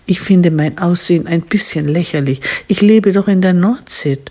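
A woman's voice: fairly low pitch, moderate pace, mellow, natural voice. A woman voicing a chatty little seahorse in a storybook tale, speaking in a bubbly way.

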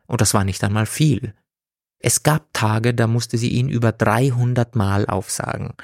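Slow gravelly male storyteller. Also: lowish voice, no room sound, clean studio sound. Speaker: narrator. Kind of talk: audiobook reading.

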